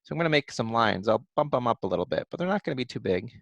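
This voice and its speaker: A man models writing for young children, stretching out sounds and syllables as he goes. His voice has a gravelly edge and rises and falls a lot. The sound is dry and close. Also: mid-range voice, big pitch swings, dry recording. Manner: slow, sounds out letters and syllables aloud; thinks aloud in a gentle encouraging way. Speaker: kindergarten teacher.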